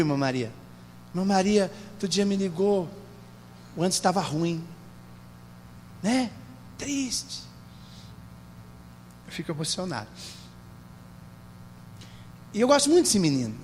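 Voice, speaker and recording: Brief: middle-aged Brazilian pastor, very high voice for a man, fervent sermon caught in a long-echoing church hall with faint hum. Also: sing-song, fast. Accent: Brazilian Portuguese. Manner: fervent, swings from tearful murmurs to shouted declarations. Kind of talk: emotional Pentecostal-style sermon. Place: church sanctuary.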